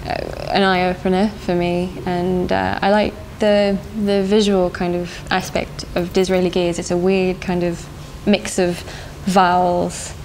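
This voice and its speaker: A woman's voice: fairly low pitch, flat delivery, unhurried, few pauses, darkish tone, rough recording. A young woman from South Africa, a band singer, answering interview questions in a thoughtful, hesitant way with frequent laughs. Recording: faint background noise.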